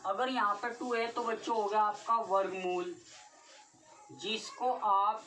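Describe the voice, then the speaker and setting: A woman's voice: medium pitch, steady tone, unhurried, fairly bright tone. A woman teaching a class-nine math lesson, repeatedly asking her students questions. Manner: repetitive, keeps questioning students. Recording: distant mic with faint noise.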